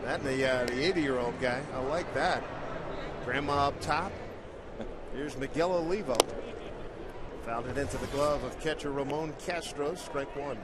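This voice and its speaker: A man calling baseball play-by-play, brisk and rising with excitement on big plays. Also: medium pitch, heavy background noise. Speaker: play-by-play announcer.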